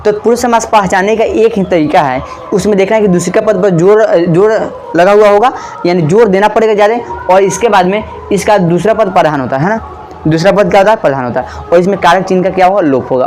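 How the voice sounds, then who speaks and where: A man with a high, slightly mellow voice teaches a grammar class, posing questions and then answering them himself. He draws out his words as he writes on the board, in a rough recording with slight background noise.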